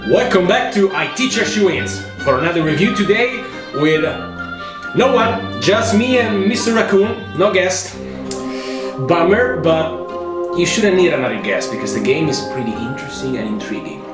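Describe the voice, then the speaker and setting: Italian-accented male host, playful and chatty, roomy sound with soft music. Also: on the high side, lively intonation, normal speed. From Italy. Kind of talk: board game review. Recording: echoey room with music behind.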